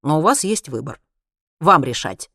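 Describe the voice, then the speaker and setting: A man voicing a cold, menacing male scientist who interrogates slowly and coldly. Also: a little high, sing-song, no echo, clean studio sound, full character voice. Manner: slow, icy, measured, bursting into shouts. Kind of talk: audiobook character reading.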